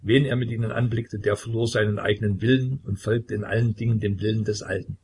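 A man narrating a literary novel in a measured, grave reading. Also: on the low side, fairly even intonation, darkish tone, breathy edge. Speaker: audiobook narrator.

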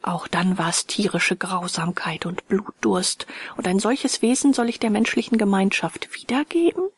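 A woman narrating a dramatic story aloud, often dropping to a hushed whisper. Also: mid-range voice, moderate pace, slightly rough. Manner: dramatic, shifts between hushed whisper and raised calls. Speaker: audiobook reader.

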